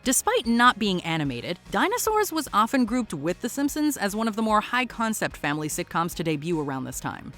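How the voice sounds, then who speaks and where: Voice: medium pitch, sing-song, fairly quick, few pauses, a bit bright, faint music behind. A narrator reading a scripted countdown voice-over with wry commentary.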